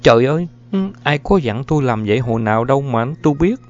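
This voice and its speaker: A man voicing a calm, cheeky young village girl who talks back glibly, on a dull lo-fi recording. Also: medium pitch, fast, pitched above the performer's own voice, natural voice. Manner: glib, cool back-talk.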